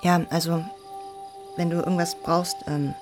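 An actress voicing a spiritual teenage girl, the youngest sister, who turns defensive and flares up quickly in a dubbed drama. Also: lowish voice, little pitch movement, music in the background, close to an everyday voice. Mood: guarded.

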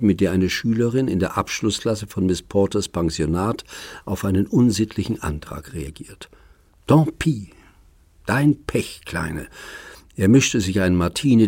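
A male audiobook narrator with a deep voice and a husky grain, reading in a measured, even way. He sometimes sinks to a whisper. The sound is close-miked and dry. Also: dry recording. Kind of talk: scripted literary narration.

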